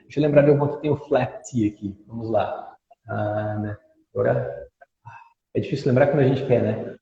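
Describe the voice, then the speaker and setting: A man's voice: mid-range voice, normal speed, vocal fry, warm tone. A man, an English teacher in an interview, patiently explaining and modelling pronunciations. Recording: dull audio in an echoey room with long reverb.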